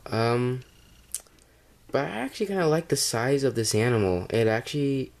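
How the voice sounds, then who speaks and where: A man's voice: mid-range voice, expressive, moderate pace, vocal fry, a little mellow. Hesitant man with a cold. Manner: rambling and hesitant, with many fillers. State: has a cold. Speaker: toy reviewer. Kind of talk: casual toy review vlog.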